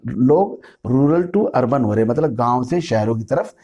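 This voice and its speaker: A man teaching a school geography lesson, reading definitions slowly in English and explaining them in Hindi, often asking and answering his own questions. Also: mid-range voice, animated, warm tone, slightly rough. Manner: repetitive, self-correcting, asks and answers his own questions. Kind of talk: classroom lecture mixing Hindi and English.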